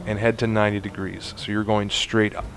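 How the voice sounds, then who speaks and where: A man narrating a space game walkthrough, explaining steps to viewers in a chatty, instructive way and getting excited at times. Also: fairly low pitch, brisk, noisy background. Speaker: gaming YouTuber. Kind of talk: let's play walkthrough commentary.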